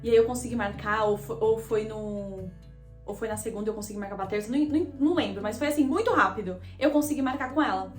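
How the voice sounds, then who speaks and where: Her voice on the high side and her pace fast, a young Brazilian vlogger recounts a personal story in a casual, confessional way, addressing viewers as "gente" in her Brazilian Portuguese accent. There's reverb and soft background music.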